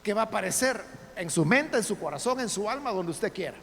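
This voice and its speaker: Emphatic high-pitched preacher, gravelly. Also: male voice, animated, brisk, a bit bright, slight background noise. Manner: emphatic preaching with rhetorical questions, addressing listeners directly. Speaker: pastor. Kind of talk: sermon. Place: church sanctuary. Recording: long church reverb, faint background ambience.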